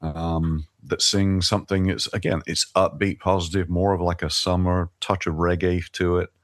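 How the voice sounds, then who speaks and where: An older man with a very deep voice talks as an interview guest. His speech is earnest and eager, full of little restarts. The sound is dry and close. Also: flat delivery, normal speed, no echo. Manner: enthusiastic, earnest, repeats words when starting. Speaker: podcast guest. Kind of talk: conversational interview.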